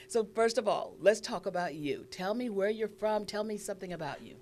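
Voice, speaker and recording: A woman's voice: mid-range voice, lively intonation, fairly quick, darkish tone, slight background noise. A woman from the American South hosting a local TV interview, encouraging her guest to talk. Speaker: TV host.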